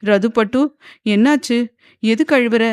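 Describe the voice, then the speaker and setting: A doting middle-aged father, voiced by a woman narrator, cries out anxiously for his daughter in a raised, pleading voice that sits higher than the narration. The recording is dry and close. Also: a little slow, darkish tone, clear, resonant tone, no echo, close to an everyday voice.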